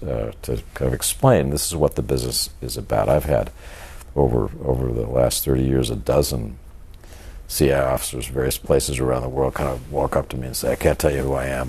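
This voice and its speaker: An older man speaking as an author in an interview, in a measured, halting, thoughtful and monotone way. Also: a bass voice, creaky, husky. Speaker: author and journalist being interviewed. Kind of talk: reflective interview talk.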